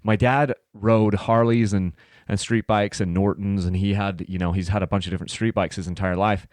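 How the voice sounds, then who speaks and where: Male podcast host, late 30s, lowish voice, loose rambling delivery; dry close mic. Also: steady tone, moderate pace, darkish tone, dry recording. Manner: rambling, many fillers and restarts. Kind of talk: casual solo podcast talk.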